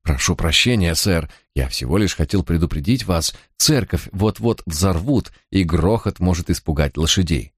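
A man's voice: deep voice, animated, normal speed, hardly any pauses, slightly rough, no echo, studio quality. A man voicing an anxious, apologetic laborer in an audiobook. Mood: pleading. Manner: pleading, polite. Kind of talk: audiobook character voice.

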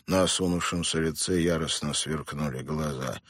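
A man narrating an audiobook in a measured, dramatic reading style. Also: a bass voice, fairly bright tone, husky, dry recording, studio quality. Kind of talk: scripted narration.

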